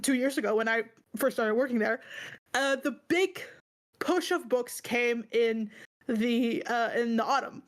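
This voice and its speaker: This book club stream co-host talks at a measured pace in a slightly high voice. Upset and stressed, she vents in a casual chat, rambling, emphatic and exasperated, with swearing sprinkled throughout.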